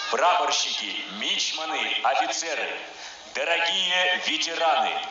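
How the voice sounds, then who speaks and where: A man making formal ceremonial announcements as a parade announcer, solemn and declamatory. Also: a little high. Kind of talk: formal ceremonial announcement, reading a military order. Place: large outdoor square at a parade. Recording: echoing outdoor loudspeakers, distant, noisy, dull.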